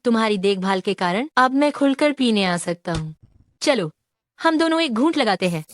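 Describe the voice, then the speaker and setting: A woman's voice: on the high side, animated, normal speed, no echo, natural voice. A woman voicing a tipsy, pushy male client who keeps urging others to drink, in a Hindi dub. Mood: coaxing.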